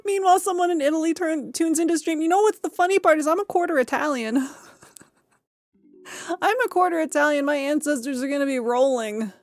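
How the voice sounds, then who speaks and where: A woman's voice: sits high, fast talker, dry recording, faint music behind. Giggly, rambling woman streamer. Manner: giggly, rambling, animated, repeats herself. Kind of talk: casual chat with viewers.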